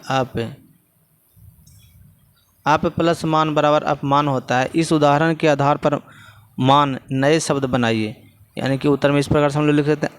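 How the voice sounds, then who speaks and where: Male teacher with a Bihari Hindi accent, clear resonant voice, repeats lines while pointing at the text. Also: a little high. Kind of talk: classroom lesson explaining textbook answers.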